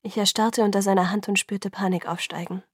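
A woman reading a first-person novel aloud in a steady, even storytelling manner. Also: mid-range voice, a little fast, breathy edge, no room sound, studio quality. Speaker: audiobook reader.

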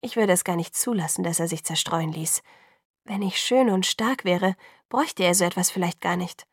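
A woman narrating a novel in the first person, calm and measured, on a close studio mic. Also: lowish voice, slightly rough, no echo. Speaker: audiobook narrator.

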